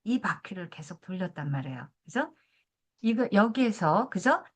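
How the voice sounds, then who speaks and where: A woman's voice: mid-range voice, big pitch swings, moderate pace, husky. A woman in her seventies, a family therapy professor, lecturing in a conversational way and telling a story from her own marriage. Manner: conversational, asks listeners for agreement.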